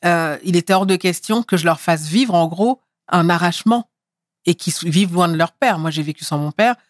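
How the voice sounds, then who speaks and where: A middle-aged actress from France speaking in a relaxed interview, lively and emphatic as she tells her story. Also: on the low side, normal speed, no room sound, studio quality. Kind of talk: casual interview talk.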